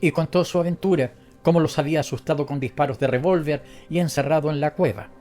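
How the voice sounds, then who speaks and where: Measured male storyteller over soft music. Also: fairly high pitch. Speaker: narrator. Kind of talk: audiobook narration.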